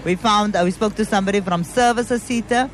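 A woman's voice: mid-range voice, brisk. A woman with a Cape Town South African accent hosts a live radio outside broadcast in a chatty, conversational way, switching between languages. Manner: switches between English and Afrikaans. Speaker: radio host. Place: outdoor live broadcast at a city square.

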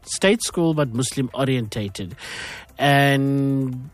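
A man's voice: mid-range voice, extremely slow, no echo, soft background music. A man from South Africa hosting a radio call-in show, talking casually with many fillers. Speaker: radio host.

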